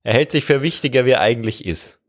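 A man co-hosting a comedic podcast, relaxed and musing. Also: medium pitch, fast talker. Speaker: podcast host. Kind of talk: casual comedic chat.

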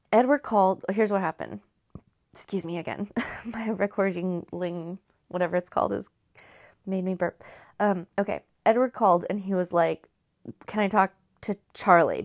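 A woman's voice: on the low side, creaky, dry recording, clean studio sound. A woman in her thirties chatting casually as a podcast host and recapping a movie, talking in a chatty, profane way with lots of filler words. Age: 30s.

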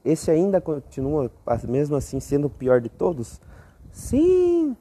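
Husky, mellow young man rambling. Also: moderate pace. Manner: profane, self-mocking, often breaks into high squeaky exclamations. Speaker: podcast host. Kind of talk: casual rambling monologue.

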